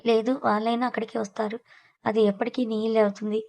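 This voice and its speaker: A woman's voice: on the high side, level tone, quick pace, vocal fry, darkish tone. A woman voicing a young husband who talks in a teasing, reassuring way, in an audio story. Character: young man, playful, protective husband.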